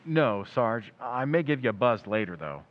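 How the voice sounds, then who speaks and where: A man's voice: mid-range voice, sing-song, moderate pace, highs cut off, close to an everyday voice. A man playing a confident, probing crime photographer sleuth in an old-time radio drama. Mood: confident, musing.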